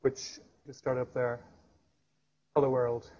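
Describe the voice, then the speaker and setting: A man giving a live technical presentation at a meetup, talking fast with frequent restarts and fillers. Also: medium pitch, little pitch movement, warm tone. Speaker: tech meetup speaker. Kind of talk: live technical talk with demo. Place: meetup room.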